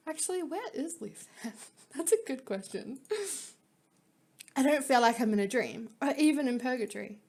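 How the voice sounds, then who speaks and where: A woman's voice: sits high, expressive, moderate pace, darkish tone, slightly rough. A woman reading a visual novel aloud, mixing dramatic narration with casual, wry asides. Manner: dramatic reading broken by wry, giggly commentary. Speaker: player reading game story aloud.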